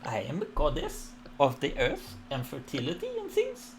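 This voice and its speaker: A man voicing a gracious, gentle earth and fertility goddess in a tabletop role-play, speaking in formal, questioning phrases. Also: mid-range voice, huge pitch swings, moderate pace, slight background noise. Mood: serene, gracious.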